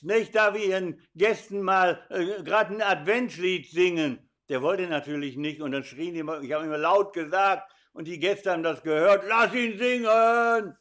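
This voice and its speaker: An older man giving a sermon, telling stories and speaking directly to his listeners. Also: fairly high pitch. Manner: animated storytelling, addresses audience directly. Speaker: preacher.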